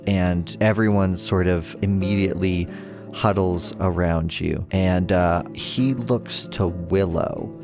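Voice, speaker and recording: A man narrating as game master of a tabletop role-playing game, descriptive and measured. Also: low-pitched.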